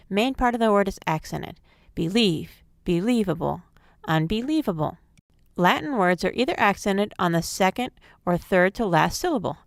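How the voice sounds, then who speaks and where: A woman narrates a scripted phonics lesson in a clear, measured way, with a gravelly edge to her voice. The sound is dry and close. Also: mid-range voice, no echo. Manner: clear, measured instructional delivery. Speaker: phonics teacher.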